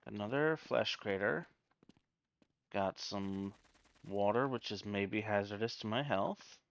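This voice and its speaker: A man's voice: fairly low pitch, slow pace, creaky, clean tone, lo-fi sound. A man giving casual gameplay commentary, thinking aloud in a hesitant way. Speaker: gamer.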